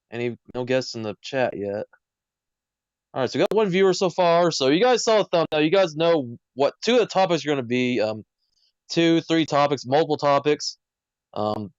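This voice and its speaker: A man's voice: mid-range voice, dry recording. Man, live stream host, rambling casual chat, headset mic, dull lo-fi sound, dry. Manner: rambling, many fillers, self-correcting asides. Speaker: livestream host. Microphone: wired headset.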